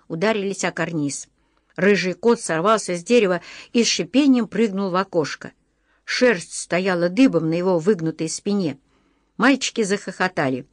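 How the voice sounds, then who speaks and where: A woman narrating a children's audiobook in a measured, expressive way, slowing down for emphasis. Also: on the low side, dry recording, studio quality. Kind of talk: audiobook reading of a children's book.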